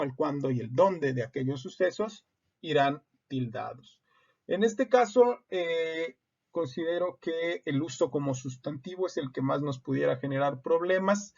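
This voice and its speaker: A man's voice: mid-range voice, gravelly, darkish tone. A man giving a methodical lesson on spelling rules, reading example sentences aloud and explaining each one. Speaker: instructor. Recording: dull lo-fi recording.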